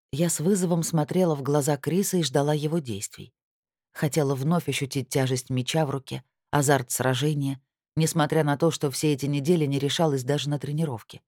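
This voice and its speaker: A woman's voice: low voice, mellow, no room sound, studio quality. A woman reading a first-person fantasy audiobook, narrating expressively. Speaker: audiobook reader.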